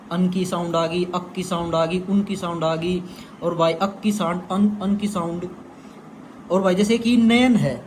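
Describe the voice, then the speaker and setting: A man's voice: sits high, a little mellow, a little hiss or hum. A young man teaching an exam-prep lesson in a chatty way, often calling the viewer "brother". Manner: chatty, repeats "bhai" to the viewer. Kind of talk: casual explainer lesson.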